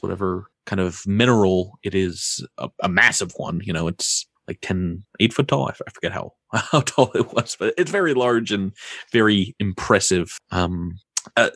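A man's voice: sits low, fairly bright tone, dry recording, clean studio sound. A man improvising tabletop game narration as game master, hesitant and thinking aloud.

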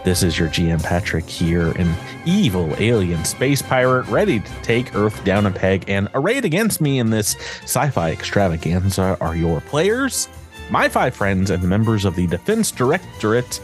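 Male GM, casual and jokey, pitch moves around a lot, faint music underneath. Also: very animated, moderate pace. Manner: playful, jokey, laughs often. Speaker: game master. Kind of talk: casual actual-play chat and intros.

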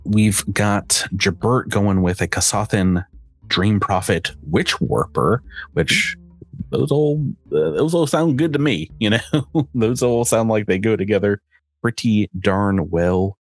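Low-voiced man running a game. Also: slow. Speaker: game master. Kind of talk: casual tabletop game session.

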